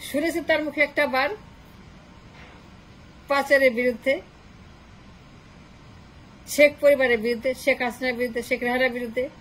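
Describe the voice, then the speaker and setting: A woman's voice: sits high, fairly bright tone, slight background noise, poor audio. A woman delivering a political monologue, mocking with repeated rhetorical questions. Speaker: political commentator.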